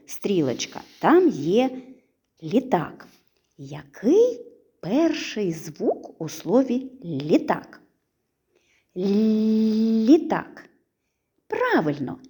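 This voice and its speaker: A woman teaching preschoolers a literacy lesson, stretching out syllables in a sing-song, slow and clear way. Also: medium pitch, dark tone.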